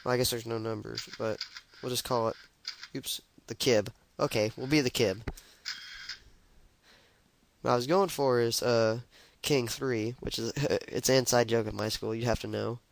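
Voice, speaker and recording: Gravelly guy narrating his gameplay. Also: mid-range voice, steady tone, moderate pace, a little hiss or hum, rough recording. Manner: chatty, jokey, narrates his moves as he plays. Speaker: let's play gamer. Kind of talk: casual gameplay commentary.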